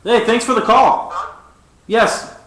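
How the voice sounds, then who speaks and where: A man co-hosting a live call-in radio show, taking callers in a relaxed, casual way. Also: extremely high pitch, slow. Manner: relaxed, takes the calls. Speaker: co-host. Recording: echoey room.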